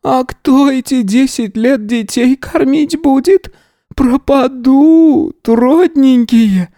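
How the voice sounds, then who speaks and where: A woman's voice: a little high, unhurried, warm tone, no room sound, studio quality, pitched above the performer's own voice, natural voice. A man reading an audiobook voices a wily old woman who shrieks, whines and pleads. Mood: pleading. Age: older. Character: shrill, wily old woman, hoarder, wheedling and loud.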